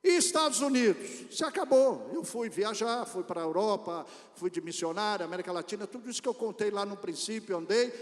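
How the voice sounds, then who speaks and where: A man from Brazil with a Brazilian accent, preaching a storytelling sermon and speaking directly to the congregation in an animated way. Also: high-pitched, fairly quick, few pauses. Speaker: pastor. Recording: reverberant church hall.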